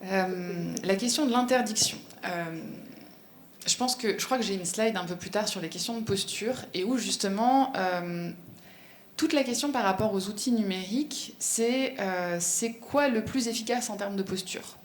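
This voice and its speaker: A woman's voice: mid-range voice, normal speed, a little hiss or hum. Woman speaking at a conference, lots of ums, explains things step by step, roomy echo. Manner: explanatory, hesitant with many fillers. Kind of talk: conference talk with questions. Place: conference room. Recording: echoey conference room.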